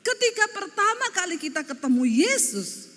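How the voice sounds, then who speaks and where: High-voiced woman pastor preaching. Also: moderate pace, long reverb tail. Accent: Sulawesi Indonesian. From Sulawesi. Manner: lively, humorous preaching with Javanese phrases and mimicked quarrels. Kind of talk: sermon.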